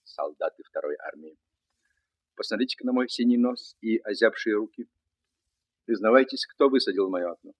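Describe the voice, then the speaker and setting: A man's voice: lowish voice, normal speed, highs cut off, close to an everyday voice. An actor playing a kindly, fatherly former soldier who talks to children in playful mock-military style. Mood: gentle, fatherly. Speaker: actor in a dramatized story. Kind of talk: dramatic film or radio acting.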